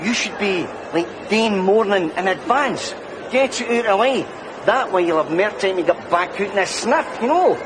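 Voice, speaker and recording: An actor with a Glaswegian accent playing a crude, wisecracking friend in a TV sitcom. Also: male voice, high voice, lively intonation, normal speed, noisy background. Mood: cheeky. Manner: leering, wisecracking, mock-consoling. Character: cheeky crude Glaswegian man, Rab's pal. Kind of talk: TV sitcom acting.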